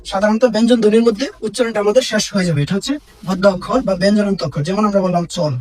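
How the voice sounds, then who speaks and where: Male tutor, high husky voice, off-mic, drilling students with repeated questions. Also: darkish tone, far from the mic. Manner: repetitive, quizzing listeners with "ঠিক আছে?"; drags out example words slowly. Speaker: teacher. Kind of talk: exam-prep lesson.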